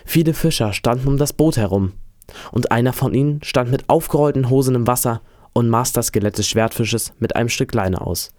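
A man reads a novel aloud in a calm, steady way. His voice is of average pitch. The sound is dry and close, with no room echo. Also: brisk. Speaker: reader.

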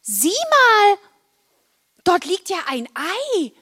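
A woman voicing an excitable young girl in a children's story, exclaiming in a raised voice. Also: extremely high pitch, brisk, pitched above the performer's own voice. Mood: surprised.

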